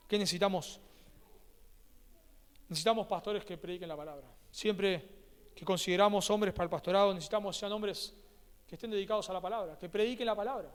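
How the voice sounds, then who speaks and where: Argentine pastor preaching with high emphatic voice. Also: male voice, smooth. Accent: Rioplatense Spanish. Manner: emphatic, repeats key words. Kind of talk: sermon. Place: church hall. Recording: echoey church hall.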